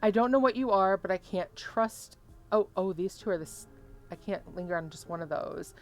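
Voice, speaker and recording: A woman's voice: medium pitch, moderate pace, soft background music. A woman commentating casually on a game as a streamer, reading dialogue choices aloud. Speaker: gaming streamer.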